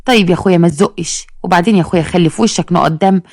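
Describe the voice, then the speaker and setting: A woman voicing a loud, battered Egyptian wife who wails, bargains and drops folk sayings. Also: fairly low pitch, rapid-fire, dry recording, clean studio sound. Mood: complaining, wailing. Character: battered chatty local wife, loud and complaining.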